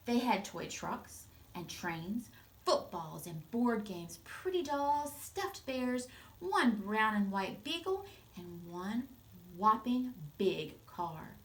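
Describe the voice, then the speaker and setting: With a mid-range voice, a woman teacher reads a storybook aloud to children. She's expressive and instructive, stopping now and then to explain things simply.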